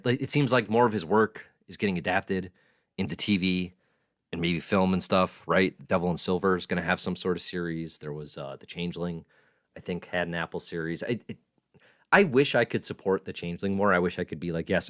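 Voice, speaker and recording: A man's voice: low-pitched, fairly quick, fairly bright tone, dry recording, studio quality. A man in his thirties hosting a casual live stream from a room at home, rambling and joking at his own expense. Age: 30s. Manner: rambling, self-mocking jokes. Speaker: host.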